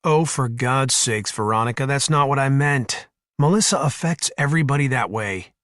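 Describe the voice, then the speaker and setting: A man's voice: medium pitch, normal speed, fairly bright tone, no room sound, clean studio sound, voice pushed up, close to an everyday voice. A man voicing a nervous, bookish man in an audiobook, hesitant and mild. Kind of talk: audiobook character voice.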